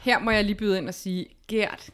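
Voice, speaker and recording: A woman, co-hosting a comedy podcast over a video call and telling anecdotes in an animated, joking way. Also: medium pitch, clean tone. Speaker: podcast co-host. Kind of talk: casual joking chat.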